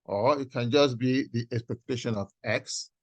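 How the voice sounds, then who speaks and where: A man teaching an online class as a professor, explaining step by step in a halting, deliberate way and often checking in with "okay". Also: medium pitch, no room sound. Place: video call with screen sharing.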